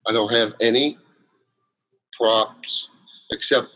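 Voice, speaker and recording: Husky rambling male storyteller. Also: medium pitch, fairly even intonation, slow pace, bright, forceful tone, poor audio. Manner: rambling storyteller, many fillers and restarts. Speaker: guest, solo theater performer. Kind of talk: casual interview chat.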